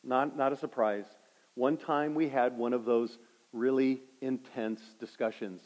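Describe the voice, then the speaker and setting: A middle-aged male pastor preaching a sermon, swinging from loud emphatic points to hushed, quiet stories. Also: mid-range voice, fairly even intonation, measured pace. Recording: dull lo-fi sound with hall reverb.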